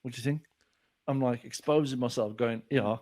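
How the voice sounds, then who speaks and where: With a medium-pitched voice at normal speed, this guest author in his forties chats casually on a podcast. He brings his stories to life by performing the quotes of the people involved.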